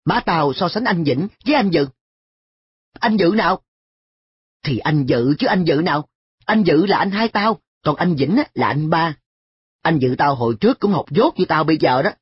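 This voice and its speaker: Reader doing a slacker kid who shrugs everything off, breathy husky voice, dull lo-fi audiobook. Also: medium pitch, lively intonation, moderate pace, dry recording, voice pushed up. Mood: offhand. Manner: offhand, shrugging talk. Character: carefree cheeky schoolboy friend. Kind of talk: audiobook dialogue.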